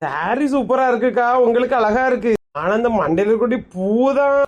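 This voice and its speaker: A woman voicing a blunt, sharp-tongued young village woman with a Kanyakumari Tamil accent. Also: on the high side, lively intonation, a little fast, lo-fi sound, pitched below the performer's own voice, lightly acted. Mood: chatty.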